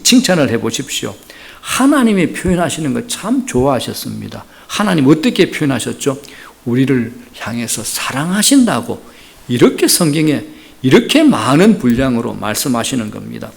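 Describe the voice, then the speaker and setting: A middle-aged pastor from the region, preaching earnestly and speaking straight to the congregation. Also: male voice, mid-range voice, vocal fry. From Gyeongsang region, Korea. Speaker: senior pastor. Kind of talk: sermon.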